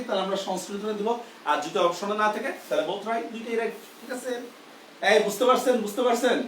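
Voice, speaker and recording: A male grammar teacher teaches a live class, checking often that his students follow. His voice sits high for a man. He sounds set back from the mic in an echoey room with faint background noise. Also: recorded from a distance. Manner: explains step by step, often asking "do you understand?". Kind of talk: live online lesson.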